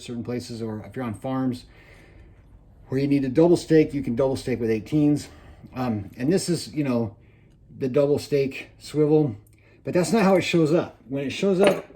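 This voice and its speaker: A man gives a casual trapping-tutorial style talk in a mellow, relaxed voice of ordinary male pitch. His words are slightly slurred, as with a mouthguard in, and his S sounds whistle a little. He speaks haltingly, pausing now and then to swallow. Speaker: trapping video presenter. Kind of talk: casual instructional vlog.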